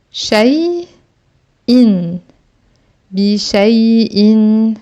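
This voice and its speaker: A woman teaching a reading lesson, sounding out each syllable slowly and deliberately before explaining the rule. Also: on the high side, a little mellow.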